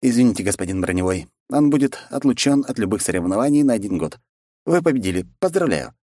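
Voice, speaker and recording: A man's voice: on the low side, expressive, fast, warm tone, no echo, studio quality, voice pushed up. A man voicing a formal, stern tournament manager who reads out rules and results in a storybook. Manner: formal, official, reprimanding.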